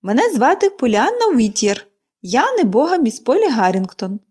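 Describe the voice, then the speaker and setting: A woman's voice: fairly high pitch, very animated, normal speed, a little mellow, slightly rough. A woman voicing a cheerful, chatty young girl in an audiobook reading, gushing and eager.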